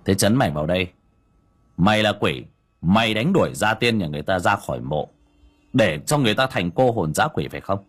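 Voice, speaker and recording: A man's voice: on the low side, animated, a little fast, a bit bright, slightly rough. A man voicing a short-tempered young exorcist who barks threats. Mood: menacing. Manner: barking, cursing threats.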